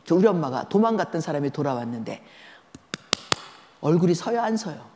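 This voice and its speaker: A woman's voice: sits low, a little fast. A woman giving a storytelling sermon at a church seminar, talking conversationally and asking the listeners questions. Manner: lively, conversational, asks the audience questions. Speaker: guest lecturer at a church seminar. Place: large church sanctuary. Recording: echoey church hall.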